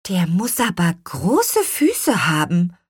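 A woman's voice: fairly low pitch, wildly swooping pitch, slow pace, husky, dry recording, studio quality, heavily acted. A woman voicing an earnest young girl who wonders aloud in a storybook. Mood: wondering. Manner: wondering, contrite.

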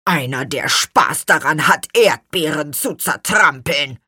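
A woman's voice: deep voice, lively intonation, slow pace, pushed and bright, slightly rough, no room sound, studio quality, exaggerated voice. A woman voicing a grumpy little male apple-man who growls his words grimly in a storybook. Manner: grim growling.

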